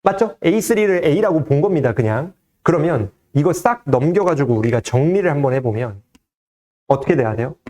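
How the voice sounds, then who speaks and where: Male math tutor, slightly high voice that swings widely in pitch, chatty exam walkthrough full of questions to the class. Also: moderate pace. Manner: lively, conversational teaching with frequent rhetorical questions. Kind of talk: exam solution lecture.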